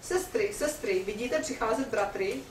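A woman's voice: on the high side, lively intonation, a little hiss or hum, voice pushed down, close to an everyday voice. A woman reading aloud the lines of a frightened young wife who pleads and stammers excuses in a fairy tale. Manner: fearful, pleading. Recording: roomy hall from a distance.

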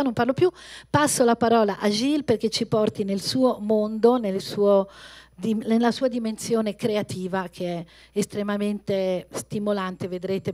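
A middle-aged woman hosts from a theatre stage in a medium-pitched voice. She speaks off the cuff into a handheld mic, often reaching for the next word and rephrasing. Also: darkish tone. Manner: searching for words, rephrasing as she goes. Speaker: event host introducing a speaker. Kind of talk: spontaneous stage introduction. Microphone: handheld microphone.

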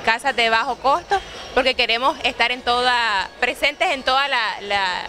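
A woman in her thirties from a real estate agency, answering interview questions at a fair booth into a handheld mic in a steady, explanatory way. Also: fairly high pitch, moderate pace. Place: exhibition booth at a trade fair. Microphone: handheld mic held by interviewer.

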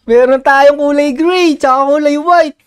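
A man hosting a Minecraft let's-play, bossy and excitable, often urging his partner to hurry. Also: very high voice, a little slow, a little hiss or hum. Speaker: gaming channel host.

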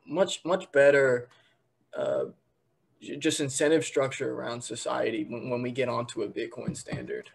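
A man's voice: mid-range voice, vocal fry, breathy edge. A nineteen-year-old man, a guest on a video-call interview, talking earnestly and restarting words as he thinks. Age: teens.

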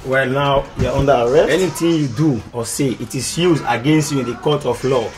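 An actor playing a stiff male police officer, speaking formally and haltingly in a film drama. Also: mid-range voice, lightly acted. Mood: stiff, official. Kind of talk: film acting. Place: outdoors at a front door. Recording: music behind the voice.

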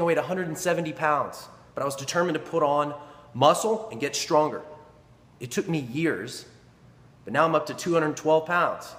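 A personal trainer in his thirties speaks with a fairly high, somewhat bright voice, giving a motivational talk to a camera placed close in front. His manner is earnest and emphatic, with repeated phrases for stress, and the small indoor gym adds an echoey, long reverb.

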